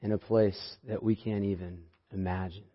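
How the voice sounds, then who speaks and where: Hoarse man preaching, dull recording. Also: on the low side, level tone, normal speed. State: hoarse, losing his voice. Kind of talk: church sermon, conversational. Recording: dull, muffled sermon audio.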